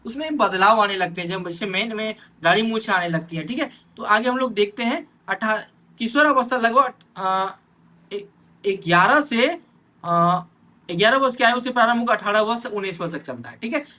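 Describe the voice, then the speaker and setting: A man's voice: high voice, moderate pace, bright, forceful tone. A man teaching an exam-prep lesson, talking straight to his students and checking in often with "theek hai". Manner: addresses students directly, pointing at notes.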